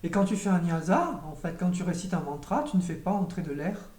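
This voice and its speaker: A woman giving a spiritual teaching in a calm, measured, meditative way, with occasional hesitations. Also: fairly low pitch. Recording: roomy echo, voice from a distance.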